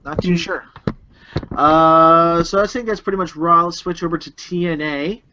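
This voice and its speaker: A man's voice: a little high, fairly even intonation, normal speed, bright, forceful tone, slight background noise. A man co-hosting a casual podcast from a room at home, laid-back and laughing often. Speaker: podcast co-host. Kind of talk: casual chat. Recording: dull lo-fi home recording.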